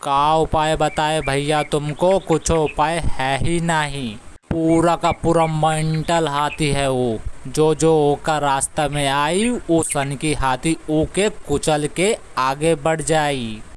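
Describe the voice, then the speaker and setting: A man's voice: a little high, fairly even intonation, slow pace, slight background noise. A man with a Bhojpuri accent voicing a fearful, resigned male forest animal in a cartoon who gives advice. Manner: resigned, advising.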